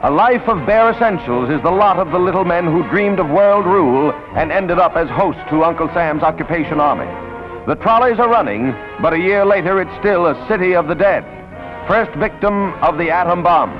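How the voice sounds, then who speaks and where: Man, American accent, fairly high voice, dramatic 1940s newsreel announcing, lo-fi soundtrack, music underneath. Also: expressive, moderate pace. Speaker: newsreel narrator. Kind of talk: 1940s newsreel narration, scripted.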